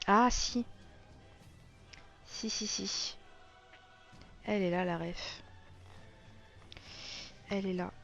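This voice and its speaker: A medium-pitched, slightly bright, creaky voice draws out its words and leaves long pauses as a woman looks through a colouring book. Her live commentary is casual and excited, full of awe. The sound is muffled, with music running underneath.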